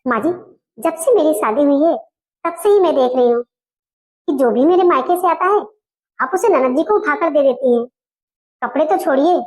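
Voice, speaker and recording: A woman playing an outspoken young wife who firmly scolds her in-laws, in a comedy skit. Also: sits high. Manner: firm, indignant, scolding.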